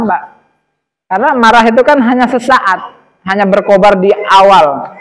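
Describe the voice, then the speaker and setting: A man's voice: high-pitched, long reverb tail, low-quality recording. A male preacher giving a sermon, explaining points step by step and reciting Arabic hadith. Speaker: Islamic preacher.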